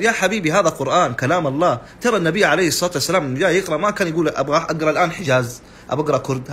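Fast-talking, heated preacher. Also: male voice, on the high side, fairly bright tone, a little hiss or hum. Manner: earnest, exasperated, talks straight to viewers' comments. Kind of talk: informal religious talk on a live stream.

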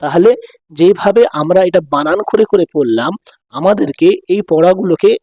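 A man teaching Quran reading in Bengali, with a Bangladeshi accent, drilling syllables slowly one by one, then explaining quickly. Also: high voice, a little mellow, dry recording. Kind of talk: spelling-out reading lesson.

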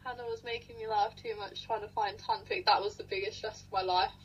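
A woman's voice: medium pitch, fairly even intonation, a little fast, highs cut off, a little hiss or hum. A young woman co-hosting a casual livestream from a small room, playful and teasing. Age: young adult. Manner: playful, teasing, laughs often. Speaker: livestream co-host. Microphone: webcam at desk.

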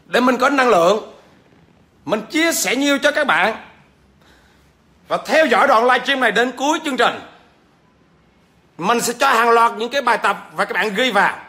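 A man's voice: very high-pitched, animated, normal speed, pauses often, pushed and bright. A man, a business trainer, giving a livestreamed lecture; he stammers at times and keeps checking in with viewers through questions.

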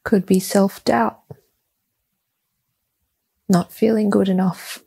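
Guiding a meditation, a woman uses a medium-pitched voice that is husky and a bit gravelly. Her short, soothing instructions come very slowly and calmly in a level tone, with long silences in between.

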